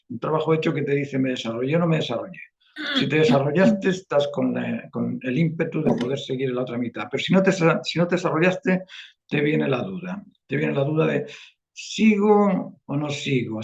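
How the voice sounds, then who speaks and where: A man's voice: mid-range voice, creaky, lo-fi sound. A man from Spain with a Spanish accent, teaching a one-on-one online painting class and often checking in with "eh?" as he explains. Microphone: video call.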